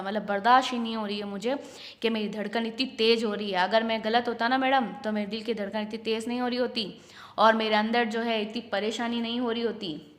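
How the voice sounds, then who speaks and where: A woman teacher explaining a school text, reading English lines slowly and explaining them quickly while mixing in Hindi. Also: fairly high pitch, long reverb tail.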